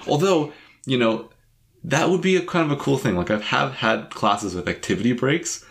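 A man's voice: medium pitch, lively intonation, moderate pace, gravelly, a bit bright. A man co-hosting a casual chat, joking a lot and laughing often, with many "like" fillers. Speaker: podcast co-host.

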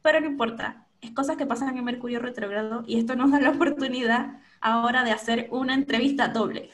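A woman's voice: fairly high pitch, fairly even intonation, fairly quick. A young adult Venezuelan woman with a Venezuelan Spanish accent, chatting cheerfully in a casual podcast interview and laughing often. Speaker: podcast host and guest.

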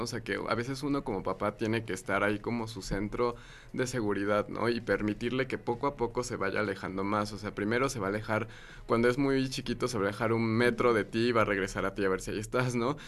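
A man's voice: on the low side, fast talker, a little hiss or hum. Man, teacher, panel guest, reflective, explaining. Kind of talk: casual panel chat.

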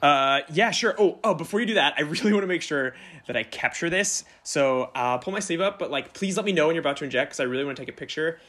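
A man's voice: fairly high pitch, lively intonation, quick pace, bright, forceful tone. A man playing an overexcited young man who pushes and whines about getting his shot, in an improvised comedy sketch over a video call. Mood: eager. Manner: pushy, whiny, needy.

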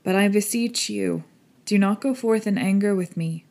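A woman's voice: lowish voice, steady tone, a little slow, darkish tone. A woman voicing a stern yet kind elderly male professor in an audiobook, solemn, earnest and formal. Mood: pitying. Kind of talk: audiobook character acting.

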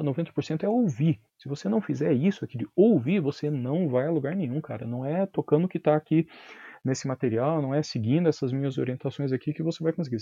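A man with a Brazilian Portuguese accent, a violin teacher explaining ideas in a casual interview, animated and full of slang and tag questions. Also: mid-range voice, vocal fry, husky, no echo, lo-fi sound.

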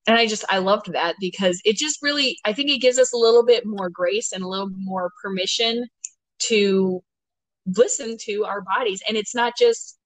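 A woman hosting a casual podcast chat, talkative and quick to laugh, with plenty of "you know" fillers. Her pitch sits at an ordinary middle height for a woman. The sound is dry and close, with no room echo. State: ten months postpartum. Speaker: podcast host and doctor.

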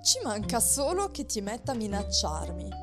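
A woman voicing an arrogant, spiteful little half-rooster in a storybook tale, speaking in a shrill, loud, boastful way. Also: big pitch swings, a little fast. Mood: indignant. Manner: shrill, boastful, later pleading in panic. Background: soft music.

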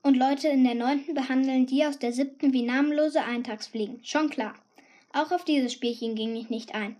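A woman reading a first-person story aloud with a lively, cheeky teenage tone. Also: sits high, moderate pace. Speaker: audiobook narrator. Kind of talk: scripted first-person narration.

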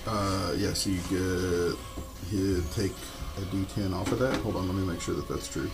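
A man's voice: low-pitched, fairly even intonation, moderate pace. A man talking casually as he plays a tabletop game. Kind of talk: casual chat. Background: music.

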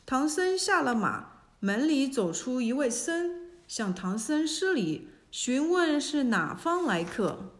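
A woman telling a classic myth as scripted storybook narration, in an expressive, unhurried manner. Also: sits high.

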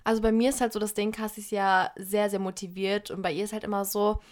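Calm woman explaining in casual chat. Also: mid-range voice, fast. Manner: calm, explaining, laughs easily. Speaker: vlogger.

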